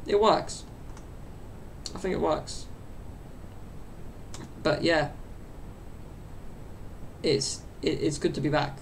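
This podcast host draws out his words and leaves long pauses as he chats on his own in his small bedroom. He's a young man in his twenties with a high, gravelly voice, wandering from point to point with plenty of fillers. His desk mic sits off to the side, and there's slight background noise.

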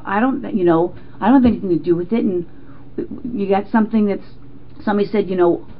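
A middle-aged American woman being questioned as a suspect, answering in a jittery, defensive, halting way with stammers and repetitions. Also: mid-range voice. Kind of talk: informal police interrogation interview. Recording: muffled, noisy interrogation room recording.

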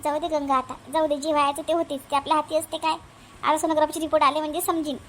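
A woman voicing a calm, reassuring village neighbor woman who repeats herself firmly. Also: high-pitched, very fast, slight background noise. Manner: reassuring, firm, repetitive.

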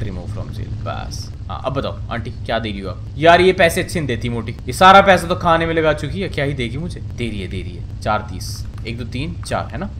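A man's voice: lowish voice, background noise. A young man giving casual gameplay commentary, joking and chattering to himself and the game as he plays. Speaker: gaming channel host.

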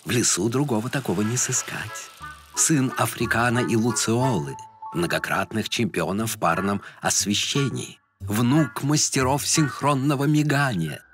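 A man's voice: medium pitch, unhurried, music in the background, close to an everyday voice. A man voicing a pompous, gallant galago in a children's cartoon, speaking in a florid, courtly way.

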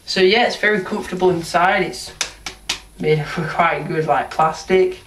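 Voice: medium pitch, moderate pace, roomy sound, recorded from a distance, background noise. A thirteen-year-old talks through a face mask in a casual, rambling product review. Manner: rambling, hesitant, repeats "so yeah".

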